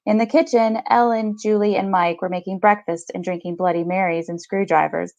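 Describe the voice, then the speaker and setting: On a video call from a small home room, this podcast co-host in her thirties reads short fiction and talks books casually. Her medium-pitched voice moves a little fast, creaky and a little mellow, with fairly even intonation. There's no room sound, though the video-call audio is slightly dull.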